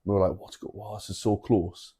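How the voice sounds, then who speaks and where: A man's voice: fairly low pitch, level tone, a little fast, mellow, breathy edge. A man co-hosting a podcast, chatting casually with laid-back, sweary banter. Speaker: podcast co-host. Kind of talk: casual chat.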